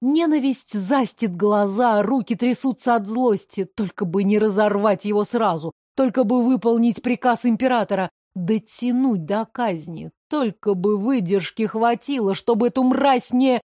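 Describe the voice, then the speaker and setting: A woman's voice: on the high side, moderate pace, few pauses, mellow, dry recording, clean studio sound. A woman narrating an audiobook in a tense, dramatic storytelling manner. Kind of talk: scripted narration.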